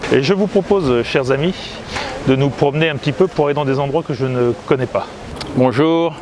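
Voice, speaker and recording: A man talks casually on a stroll through seaside streets, his thoughts coming in halting bursts full of fillers and restarts. A faint hum of traffic and outdoor noise sits behind his voice. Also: mid-range voice. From Italy and Grenoble, France. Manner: hesitant, many fillers and restarts. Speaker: comic book artist. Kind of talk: casual walking chat to camera.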